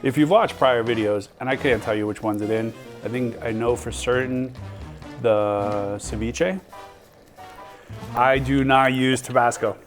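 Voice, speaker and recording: A man's voice: medium pitch, fairly even intonation, a little slow. Chatty middle-aged man cooking, music behind. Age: 40s. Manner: chatty, rambling, swears casually. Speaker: home cook host. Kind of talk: casual cooking chat.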